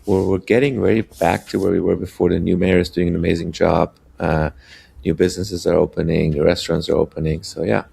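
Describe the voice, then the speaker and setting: A man in his forties, born in Iran and raised in Germany, speaking as a relaxed podcast guest with many fillers. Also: low-pitched, brisk, vocal fry, slightly rough. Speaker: guest, venture capitalist. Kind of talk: casual podcast interview.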